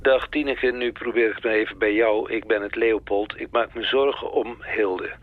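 An actor playing a worried man who leaves anxious, halting voicemail messages, heard as playback over a phone line. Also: lowish voice, steady tone. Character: worried man pleading with a distant friend. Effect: voicemail message played over a phone line.

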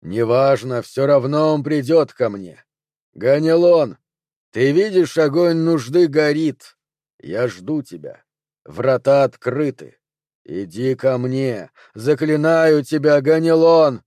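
Witch woman, seductive and commanding, heightened and loud, as a male narrator puts her on; dry close read. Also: mid-range voice, expressive, unhurried, no room sound. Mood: yearning, commanding. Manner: insistent, incanting.

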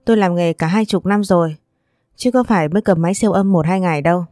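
A weary middle-aged doctor, played by a woman narrator speaks bluntly and matter-of-factly. The voice sits low and mellow. The sound is dry and close. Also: fast talker, dry recording, faint music behind, natural voice. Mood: curt.

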